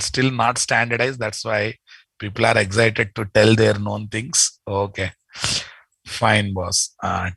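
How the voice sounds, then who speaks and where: A man with a Telugu Indian accent leads a casual online class in a bright, forceful voice. He takes his time, repeating phrases for his learners. The sound is dry and close. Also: medium pitch, creaky, dry recording, poor audio. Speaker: software instructor. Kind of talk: informal live online lesson. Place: indoor room, video call.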